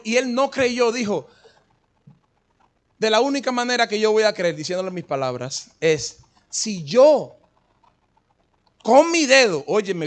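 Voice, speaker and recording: Male preacher, fairly high voice, emphatic Bible study delivery that retells scripture dramatically. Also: fairly bright tone.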